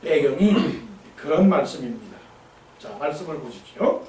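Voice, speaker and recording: A man's voice: fairly high pitch, expressive, normal speed, darkish tone. A male pastor preaching a dramatic sermon, firing rhetorical questions at his congregation. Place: church sanctuary. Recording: echoey church from a distance.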